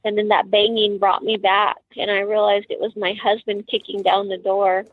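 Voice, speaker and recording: A middle-aged woman, a grieving mother, recounting a painful memory in an interview, halting and emotional with many pauses and fillers. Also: mid-range voice, level tone. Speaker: mother of a murder victim. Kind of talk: personal account in an interview. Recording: tinny phone-like sound.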